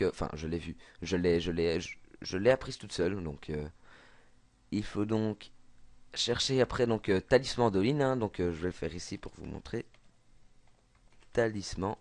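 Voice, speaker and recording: A man's voice: lowish voice, darkish tone, no echo. A man with a Belgian French accent explaining a game trick over a screen recording, hesitant with many fillers and restarts. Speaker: gaming tutorial maker.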